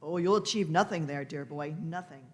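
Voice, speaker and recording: A woman's voice: low-pitched, normal speed, lightly acted. A woman playing an imperious, eccentric elderly time-traveller in a radio play, fussy and theatrical, repeating her phrases. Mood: imperious, impatient. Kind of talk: live staged radio play.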